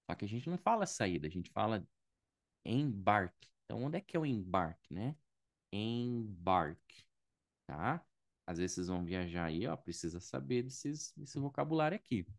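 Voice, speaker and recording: A man's voice: lowish voice, expressive, normal speed, vocal fry, no room sound, studio quality. A man from Brazil teaching airport vocabulary in a casual online lesson, explaining patiently, checking in with his students often and thinking aloud. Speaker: English teacher.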